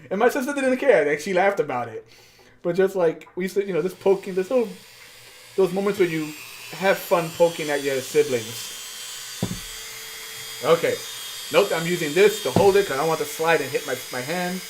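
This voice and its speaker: A man's voice: on the high side, animated, moderate pace, pauses often, noisy background. A man chatting casually while working on a craft build, rambling with fillers and asides. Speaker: craft streamer. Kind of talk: casual build-along chat. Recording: faint background music.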